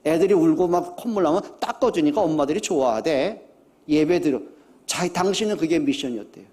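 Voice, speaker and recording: Preaching as a pastor, this middle-aged man speaks earnestly and conversationally in a fairly high, animated voice at a slightly fast pace. He repeats his exhortations and swings between hushed lines and loud, emphatic ones.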